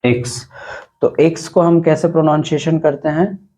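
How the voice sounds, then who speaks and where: A man teaching an English pronunciation lesson, explaining slowly, repeating words for emphasis and often clearing his throat. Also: fairly high pitch, little pitch movement, dark tone, rough recording. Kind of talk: spoken language lesson.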